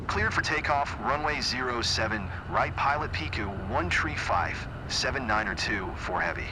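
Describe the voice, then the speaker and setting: A man's voice: mid-range voice, lively intonation, normal speed, rough recording. A man making pilot radio calls to the tower in clipped aviation phraseology, like a pilot on a cockpit headset. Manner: clipped aviation phraseology with a brief hesitation in the call sign. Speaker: flight sim player as pilot.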